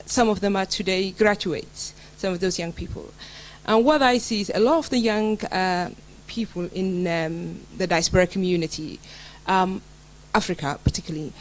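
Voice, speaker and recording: Middle-aged woman panelist, earnest and halting, pausing often as she searches for words. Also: mid-range voice, slight background noise, poor audio. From Somaliland. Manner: hesitant, many fillers and restarts, earnest. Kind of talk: panel speech.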